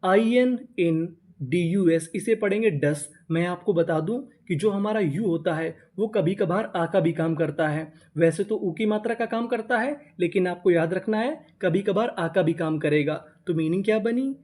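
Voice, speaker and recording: High-voiced man drilling English spelling. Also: a little mellow. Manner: spells words letter by letter, drills with repeated questions; slow drawn-out model pronunciations. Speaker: English reading teacher. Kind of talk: spelling-out reading lesson.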